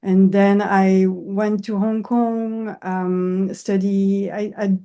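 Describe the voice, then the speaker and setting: Speaking slowly with little pitch movement, this English-speaking Swiss architect and professor responds in an interview. Her medium-pitched voice is warm, and her answers come hesitantly, full of fillers.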